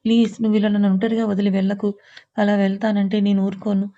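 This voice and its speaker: Tearful pleading young woman, read by a woman, mellow tone, narrow pitch, dull recording. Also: flat delivery, fast, natural voice. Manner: tearful, pleading, softly spoken.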